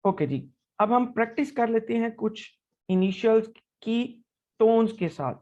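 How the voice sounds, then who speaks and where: A man's voice: sits high, expressive, measured pace, mellow, muffled recording. A man teaching a language lesson, patiently explaining step by step and saying each syllable twice to model its tone. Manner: patient, step-by-step explaining with frequent "right?" checks.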